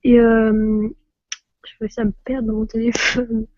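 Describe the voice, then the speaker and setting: A woman from France chats on a casual live stream, laughing often and flustered as things go wrong. Her voice sits high but sounds mellow. The sound is dull and lo-fi, as if picked up by a phone. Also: little pitch movement, moderate pace, no room sound.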